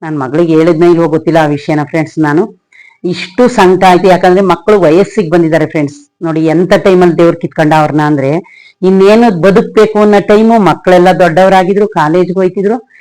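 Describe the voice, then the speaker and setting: A woman's voice: lowish voice, quick pace, warm tone, poor audio. A woman vlogger telling a personal story in a rambling, emotional way, often calling her viewers friends. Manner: emotional, reflective.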